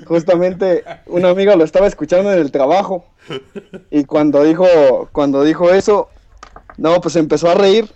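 Mexican male caller heard over a call line, high voice, dry and close, chatty and quick to laugh. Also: dark tone, dry recording. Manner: chatty, laughs often, many restarts and fillers. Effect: heard over an internet call line. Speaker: caller to a podcast. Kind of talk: casual chat, telling an anecdote. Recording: dull, dry internet call audio.

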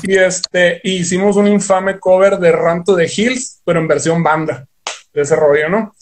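A man's voice: high voice, steady tone, measured pace, slight background noise. A young man with a northern Mexican accent from Sonora, a guest guitarist telling stories in rambling slang full of swearing. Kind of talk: casual podcast chat.

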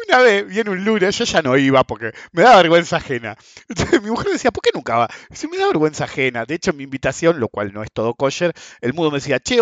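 This podcast host is a man with an Argentine accent and a fairly high, fairly bright voice, casually telling anecdotes while often clearing his throat and chuckling. The lo-fi recording is dull and dry, with no room sound.

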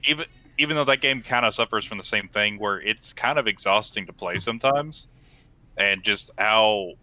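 A man co-hosting a gaming podcast in casual chat, speaking haltingly with many restarts. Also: on the low side, bright, forceful tone. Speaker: podcast co-host.

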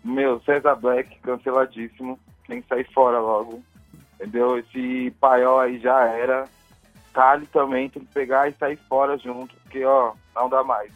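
A man's voice: mid-range voice, level tone, unhurried, no room sound, faint music behind. A man calling in to a radio show, heard over a phone line, speaking in a curt, dismissive way. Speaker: radio call-in listener. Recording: dry tinny phone line.

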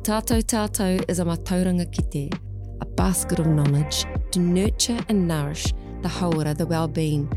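A woman hosting an interview, speaking gently and softly, with a falling tone. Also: fairly low pitch, moderate pace, over music. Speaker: host.

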